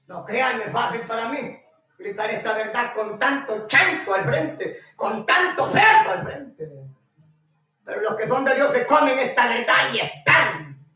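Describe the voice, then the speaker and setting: Shouting Honduran preacher on echoey radio. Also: male voice, very high-pitched. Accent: Honduran Spanish. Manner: shouting, scolding, mocking. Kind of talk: fiery radio sermon with caller greetings. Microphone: radio studio microphone. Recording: echoey lo-fi radio broadcast from far off.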